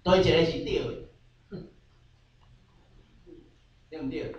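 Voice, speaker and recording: A man's voice: a little high, slow pace, highs cut off. Man teaching a Bible class in an echoey room. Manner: sprinkles English terms into his talk, frequent filler particles. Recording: very echoey room, voice from far off, faint background hum.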